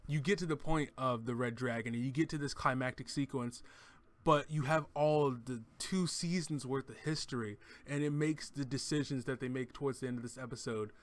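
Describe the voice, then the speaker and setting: A man's voice: mid-range voice, fairly quick. A man giving a casual, enthusiastic spoken review of a TV episode, rambling and often restarting his sentences. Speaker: TV show reviewer.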